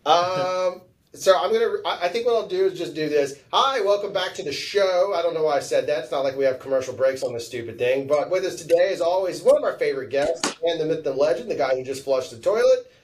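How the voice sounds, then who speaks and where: A man's voice: a little high, lively intonation, fast talker, darkish tone, slight background noise. A man hosting a casual podcast, rambling and joking at his own expense. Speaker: podcast host. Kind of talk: casual chat. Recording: distant from the mic.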